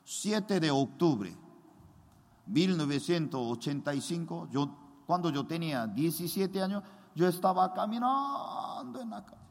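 Man in his own voice, high and very expressive, unhurried testimony sermon with acted-out sound effects, long hall reverb. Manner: dramatic storytelling that acts out scenes with sound effects. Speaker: preacher giving his testimony.

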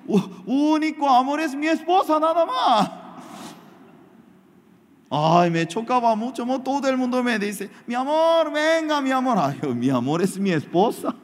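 Slow, animated man preaching in a reverberant hall. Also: sits high. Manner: animated, emphatic preaching with storytelling asides. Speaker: pastor. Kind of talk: sermon.

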